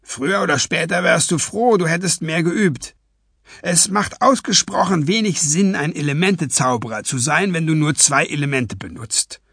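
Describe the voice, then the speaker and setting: A man voicing a calm, commanding male detective with a clipped, matter-of-fact delivery in a husky voice. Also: a little high, normal speed, no room sound, studio quality, pitched above the performer's own voice. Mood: chiding.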